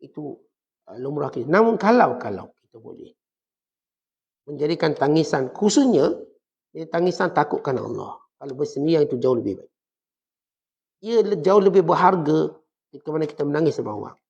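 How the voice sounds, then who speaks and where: A man's voice: fairly high pitch, big pitch swings, brisk, gravelly, pauses often, darkish tone. A man with a Malaysian Malay accent giving a conversational religious lecture, mixing teaching with humorous everyday examples. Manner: conversational, humorous examples, talks to his listeners. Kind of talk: mosque lecture on Sufism. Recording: dull lo-fi lecture recording.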